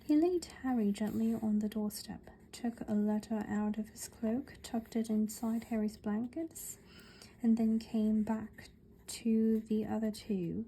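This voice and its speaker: A woman reading a story aloud in a put-on British accent, with Korean as her first language, in a soft, half-whispered ASMR style. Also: a little high, steady tone, measured pace, a little hiss or hum, rough recording. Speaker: ASMR reader.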